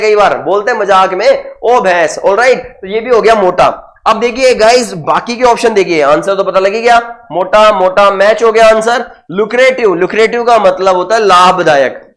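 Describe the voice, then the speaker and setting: A man's voice: sits high, fairly bright tone. A man with an Indian accent teaching vocabulary in an online exam-prep lesson, playful and jokey, repeating answers back as quiz prompts. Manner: sings song snippets and makes sound effects. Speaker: English teacher.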